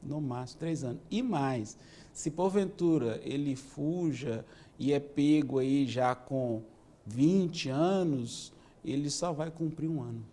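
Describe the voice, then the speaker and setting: A man, a police chief answering interview questions in a measured, explanatory way, often adding "né". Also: a little high, mellow. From Minas Gerais, Brazil. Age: 50s. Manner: measured, explanatory, with many "né" tags.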